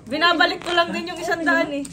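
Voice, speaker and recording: High-voiced Filipino woman playing cards. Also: steady tone, fast talker, sharp tone, slight background noise. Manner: chatty, laughs easily, protests playfully. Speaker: card player. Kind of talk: casual banter over a card game.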